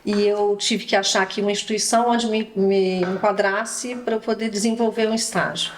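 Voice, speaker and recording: A woman from Minas Gerais in Brazil, telling her story in a relaxed way as an interview guest. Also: medium pitch, normal speed. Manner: relaxed storytelling with small restarts. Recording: roomy echo, faint noise.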